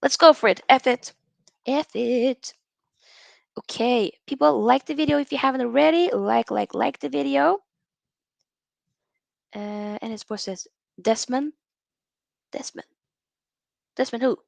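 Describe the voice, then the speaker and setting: A young woman from Norway chats animatedly on a football livestream, reading out viewer comments as she goes. Her voice sits a little high and has a gravelly fry. The sound is dry and close. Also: unhurried, pauses often, no echo. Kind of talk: casual live-stream chat with viewers.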